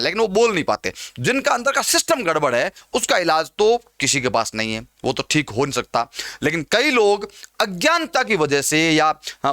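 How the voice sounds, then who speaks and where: A man's voice: fairly high pitch, sharp tone, dry recording, clean studio sound. A man teaching a Hindi lesson, drilling sounds by repeating example words and asking his learners questions. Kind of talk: spoken grammar lesson.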